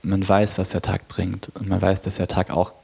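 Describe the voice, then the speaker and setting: Low, husky man in casual discussion. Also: completely flat delivery, a little mellow. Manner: halting, rephrasing as he goes.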